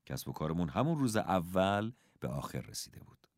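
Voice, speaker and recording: A man reading a first-person story aloud, expressive and measured. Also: low voice, no echo, clean studio sound. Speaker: audiobook narrator.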